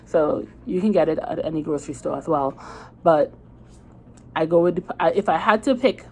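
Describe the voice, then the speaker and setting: A woman vlogger with a Trinidadian accent chats casually to camera, rambling a bit with fillers and restarts. Her voice is low-pitched and a little mellow at normal speed, and the rough recording carries slight background noise.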